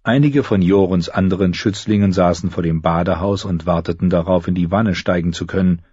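A man narrating an audiobook in a measured, even storytelling voice, close to the mic. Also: sits low, husky, no room sound, muffled recording. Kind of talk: scripted narration.

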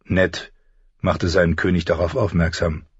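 A man narrating an audiobook in an expressive storytelling manner. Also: low-pitched, a little slow, husky, no echo, highs cut off. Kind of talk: scripted narration.

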